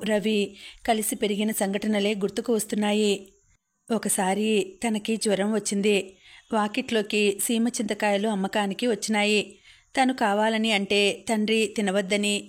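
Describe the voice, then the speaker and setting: A woman narrating a novel as an audiobook, in a steady storytelling manner. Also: medium pitch.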